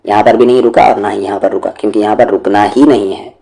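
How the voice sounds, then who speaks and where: A man teaching Quran recitation rules, explaining patiently step by step and reciting verses slowly and melodically. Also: lowish voice, fairly even intonation, vocal fry, warm tone. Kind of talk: explanatory tajweed lesson with recited examples.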